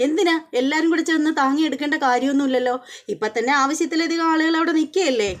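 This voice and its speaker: Woman quoting outspoken young husband, insistent, lecturing, high voice. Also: quick pace, natural voice. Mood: firm, indignant. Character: young husband defending his wife, firm and outspoken.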